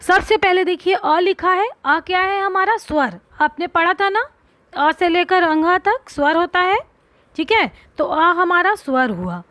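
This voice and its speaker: A woman's voice: very high voice, expressive, measured pace, a bit bright, dry recording. A woman teacher explaining a grammar lesson to young schoolchildren, asking questions and answering them herself, and drawing out single letters and words. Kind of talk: Hindi grammar lesson for children.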